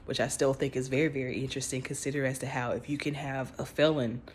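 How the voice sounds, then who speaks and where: A fast-talking woman with a bass, level voice speaks over slight background noise. Talking straight to her viewers as a vlogger, she gives casual, emphatic commentary, informal in style with dropped grammar and restarted phrases.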